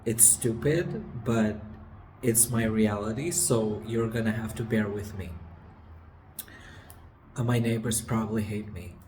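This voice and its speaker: A man in his twenties talking casually and confessionally to camera, hesitant and halting, with trailing pauses, recorded in a stairwell. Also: on the low side, a little mellow. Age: 20s. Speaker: vlogger. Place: stairwell of an apartment building. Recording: echoey stairwell with background noise. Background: faint ambient building noise.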